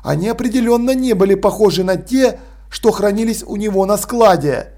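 A man narrating an audiobook in an expressive, lively storytelling manner. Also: high voice, normal speed. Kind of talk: audiobook reading.

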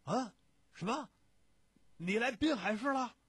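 A man putting on a loud, blustering middle-aged buddy on the phone. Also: extremely high pitch, unhurried, husky, no room sound, pitched above the performer's own voice, full character voice. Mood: loud, insistent. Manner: shouting, excited, blustery.

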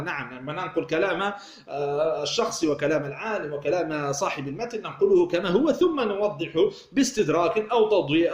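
A man teaches grammar at a fast clip, his voice sitting high. He keeps asking a question and then answering it himself, restarting phrases along the way. The room around him is echoey. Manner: explanatory, asks himself questions and answers them, many restarts. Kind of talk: recorded grammar lesson.

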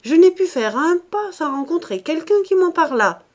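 Woman doing a fussy middle-aged husband, heated, accusing, lively pitch, storybook reading. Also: unhurried. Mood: indignant, scolding. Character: irritable suspicious middle-aged husband, bourgeois man.

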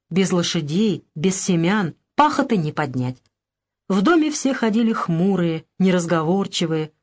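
A woman narrating a novel as an audiobook, in a steady, even storytelling manner. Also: mid-range voice. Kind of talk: scripted narration.

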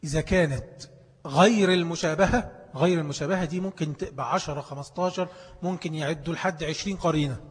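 A male teacher with an Egyptian Arabic accent talks fast in a high, husky voice. He keeps quizzing the class and supplying the answers himself. The sound carries a long reverb, as if he is in a big hall. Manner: quizzes listeners, then answers his own questions. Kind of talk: classroom lesson.

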